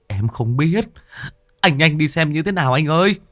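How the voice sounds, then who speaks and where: A man's voice: a little high, expressive, normal speed, fairly bright tone, no room sound, clean studio sound, voice pushed up. A man doing a breathless, panicked young runner. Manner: breathless and urgent.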